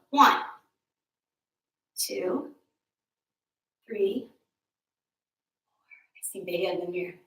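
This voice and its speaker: Woman fitness instructor, high bright voice, slow unhurried counting, roomy echo, recorded from a distance. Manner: chatty, jokey asides between counts. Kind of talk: home workout instruction with counting. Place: room at home with a mirror.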